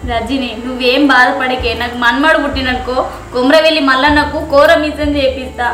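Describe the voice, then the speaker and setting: A woman's voice: sits high, fairly even intonation, fairly quick, fairly bright tone, soft background music. An actress playing an anxious village mother-in-law, who pleads and makes vows to many gods. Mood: vowing. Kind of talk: short film acting. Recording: very echoey room.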